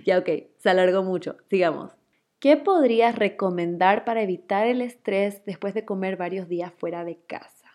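A young female host with a Guayaquil, Ecuadorian accent uses a mid-range, slightly mellow voice at a moderate pace. In her casual chat she takes listener questions, laughing and using fillers frequently.

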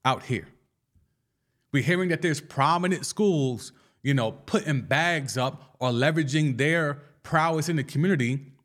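A man hosting a casual sports podcast, talking in an animated and slangy way and firing off rhetorical questions. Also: fairly high pitch. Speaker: podcast host.

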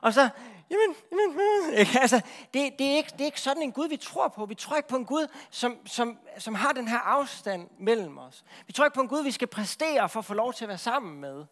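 A man preaching a sermon in a lively, talkative way, often repeating words and checking in with the listeners. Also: very high-pitched, few pauses.

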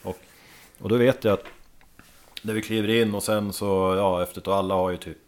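A man with a fairly low voice tells lively stories in a casual chat, swearing freely as he goes. He speaks as a guest drummer recalling life on the road.

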